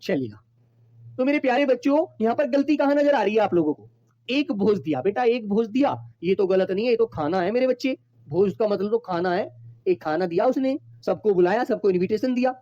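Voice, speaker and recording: Casting: male teacher, warm dark tone, dry close sound, slightly dull lo-fi audio, affectionate and repetitive with students. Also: high-pitched, expressive, fairly quick, dry recording. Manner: addresses students fondly as children, repeats points. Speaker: Hindi teacher. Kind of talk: online exam-prep class. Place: online class recording.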